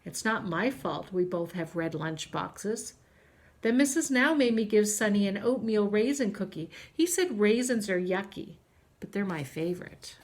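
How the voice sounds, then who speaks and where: Like a teacher at story time, a medium-pitched woman reads aloud from a children's storybook, deliberate and expressive.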